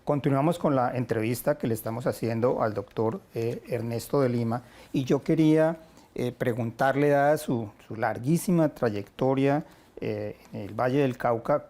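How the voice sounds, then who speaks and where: A man, hosting an interview and asking formal, measured questions. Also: medium pitch, a little mellow. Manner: measured and formal, with some restarts.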